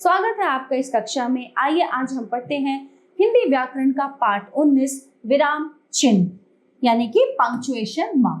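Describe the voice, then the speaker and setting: A woman's voice: sits high, low-quality recording. A woman teacher giving a grammar lesson to children, explaining with examples. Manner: addresses children warmly, explains slowly with examples.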